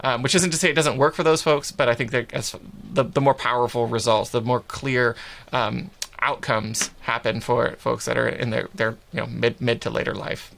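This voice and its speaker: A man's voice: medium pitch, fairly even intonation, moderate pace, creaky, fairly bright tone, slight background noise. A man in his forties, a podcast guest, explaining ideas in a thoughtful, searching way. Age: 40s. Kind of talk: casual conversational interview.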